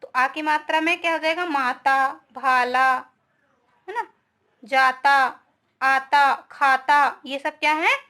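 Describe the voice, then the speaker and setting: High bright-voiced woman teacher. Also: measured pace. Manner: explains step by step, often asks "है ना". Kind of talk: online grammar lesson.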